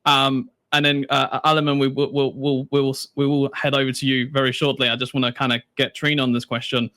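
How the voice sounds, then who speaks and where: Male moderator, conversational and bright-voiced, dry close sound. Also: mid-range voice, level tone, dry recording. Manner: conversational, uses fillers, quick asides. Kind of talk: panel moderation.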